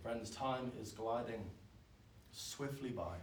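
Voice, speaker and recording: A man, preaching a sermon in an earnest, pleading way that swells loud and then drops soft. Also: mid-range voice, slow pace, a little hiss or hum. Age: 20s. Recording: echoey, from far off.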